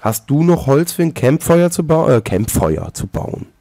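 Excitable man gaming with a friend. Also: fairly high pitch, normal speed, dry recording, clean studio sound. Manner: excitable, exclaims and laughs often, jokey. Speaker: Let's Play host. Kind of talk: casual co-op gaming chat.

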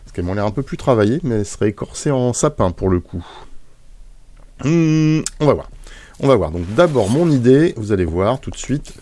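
A man hosting a gaming video, giving casual, chatty commentary as he builds. He talks playfully and fills pauses with little mouth sound effects. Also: mid-range voice, big pitch swings, mellow.

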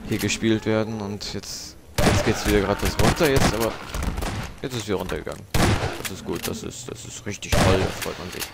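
A young man narrates his game session in a casual, rambling way, often swearing when things go wrong. His voice sits a little low. Loud gunfire from the game plays behind him. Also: a little fast, vocal fry, heavy background noise. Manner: swears a lot, frustrated, rambling. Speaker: let's play gamer. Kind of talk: casual gameplay commentary.

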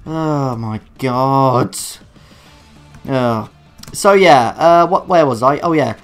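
A man commentating his own gameplay in a dark room, swearing at his failures and making sarcastic, self-mocking asides. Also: medium pitch, slow, soft background music. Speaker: let's play gamer. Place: dark room alone at a computer.

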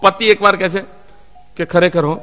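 Comic storyteller, male, high and bright, switches voices for his characters; reverberant stage recording. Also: fairly even intonation, soft background music. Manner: acts out the characters in his jokes with quick voice shifts. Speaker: stand-up comedian telling jokes. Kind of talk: Gujarati joke telling.

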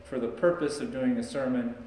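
A middle-aged pastor preaches briskly in a dark, mid-range voice with fairly even intonation, keeping it conversational and gesturing as he talks. Recorded far from the mic by a distant camera in a large church sanctuary, the sound is echoey with a little hiss or hum.

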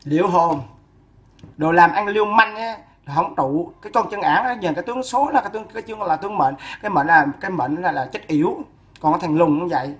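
Woman, furious scolding rant, rapid-fire insults, sing-song delivery. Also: fairly low pitch, expressive. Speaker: woman ranting at a neighbor. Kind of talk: ranting scolding monologue.

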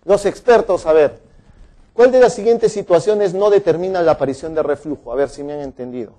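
A man lectures on medicine in a brisk, chatty way, quizzing students and teasing them when they hesitate. His voice sits a little high but sounds dark and mellow. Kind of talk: online medical exam-prep lecture.

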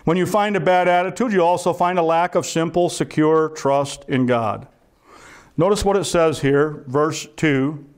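A man's voice: fairly high pitch, unhurried. A man preaching a sermon as pastor, earnest and asking his listeners rhetorical questions.

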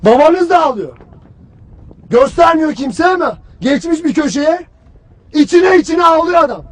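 An actor playing a stern, harsh army commander who berates his soldiers in a cold, clipped, shouted delivery. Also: very high-pitched, expressive, moderate pace. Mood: lecturing. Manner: cold, relentless, clipped questioning. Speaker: military commander. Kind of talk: film drama acting.

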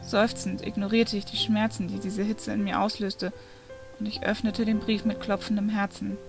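A woman reading a fantasy novel aloud, narrating in the first person with steady, expressive storytelling. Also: medium pitch, normal speed, vocal fry, over music. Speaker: reader.

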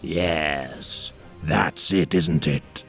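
A man voicing a sly, ambitious male war captain with a husky, gurgling voice for an audiobook. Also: a bass voice, drawn-out words, fairly bright tone, faint music behind, voice pushed down, exaggerated voice. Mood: insinuating. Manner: sly, insinuating. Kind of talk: audiobook character voice.

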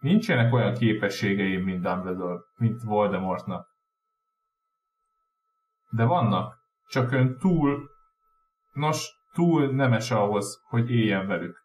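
Brief: calm old wizard headmaster, read by a man, gentle and measured, echoey room. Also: on the low side, recorded from a distance, natural voice. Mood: modest. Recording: roomy room echo.

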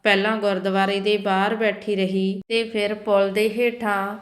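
A woman voicing a poor, gentle old mother who speaks softly and consolingly to her son. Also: mid-range voice, little pitch movement, measured pace, natural voice. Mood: tender.

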